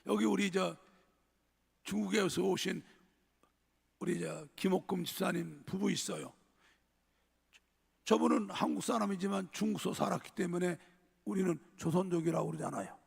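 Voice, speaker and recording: An older male pastor delivers an emphatic sermon and keeps turning to address his congregation. His voice is pitched high, husky and raspy, with a strongly gravelly edge. It carries through a church sanctuary with a long, lingering reverb. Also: normal speed, pauses often.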